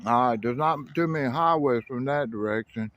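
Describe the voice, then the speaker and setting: This middle-aged man from South Carolina has a medium-pitched, slightly bright voice and talks at a normal speed. He's a railfan vlogger casually narrating outdoors by a rural road and railroad tracks, folksy and meandering, frequently correcting himself. The audio sounds dull.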